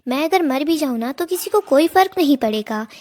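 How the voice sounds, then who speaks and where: A woman's voice: sits high, animated, brisk, darkish tone. A woman reading the lines of a resentful young woman who feels left out, in a drama recap. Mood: bitter. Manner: bitter, sulky.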